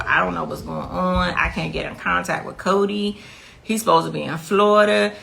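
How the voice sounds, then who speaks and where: A woman's voice: medium pitch, gravelly, sharp tone, a little hiss or hum. A middle-aged woman speaking as the mother of the victim, giving intense interview testimony and repeating key phrases for emphasis.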